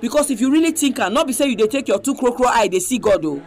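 Talking fast in a very high, expressive voice, this Nigerian host of a religious programme speaks with a Nigerian Pidgin accent. His preaching is emphatic yet conversational as he urges his listeners on.

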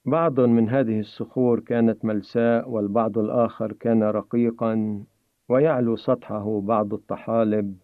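A man tells a story aloud in a measured, dramatic way. His voice sits at a medium pitch. The sound is thin and phone-like, dry and close with no room echo. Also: level tone. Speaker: narrator. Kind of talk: storytelling narration. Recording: tinny phone-like dry recording.

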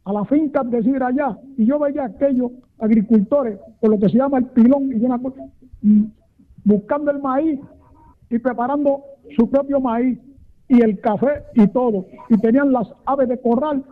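Old puerto rican guy calling in, high voice, flowery and rambling, phone-line sound. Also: moderate pace. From Puerto Rico. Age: older. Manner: formal, flowery and long-winded. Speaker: caller. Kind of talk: radio call-in.

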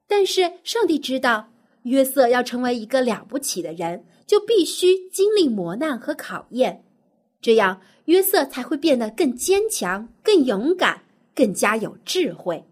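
A woman storyteller narrating a Bible story for small children, expressive and simple in her explanations. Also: on the high side, measured pace, faint music behind.

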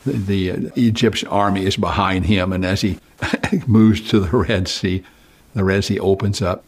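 A man delivers a storytelling sermon in a low, gravelly register with a husky edge. He chuckles often through his stories. He jumps up high and loud when he quotes the people in them. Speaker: preacher.

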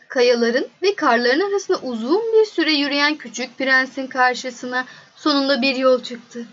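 A woman narrating a children's storybook in a gentle, measured way. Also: high voice, dull audio.

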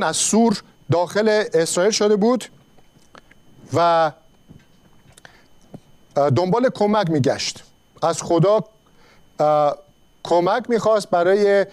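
High-pitched male preacher, measured sermon delivery with frequent pauses. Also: darkish tone. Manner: measured, pausing often between phrases. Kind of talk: sermon with scripture reading.

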